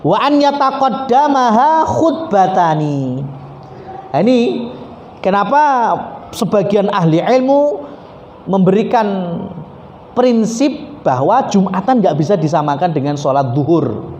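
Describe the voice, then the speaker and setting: A male preacher with a Javanese accent giving an animated, joking religious study lecture, slipping into Javanese and Arabic recitation. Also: sits high, a little slow, long pauses, highs cut off. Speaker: Islamic preacher. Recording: echoey hall, faint background noise.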